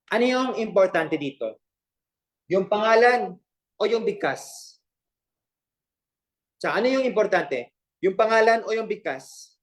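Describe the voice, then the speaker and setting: A man with a fairly high voice teaches an online class over a video call. He keeps asking his students questions and slips playful jokes into the lesson. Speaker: Korean language teacher.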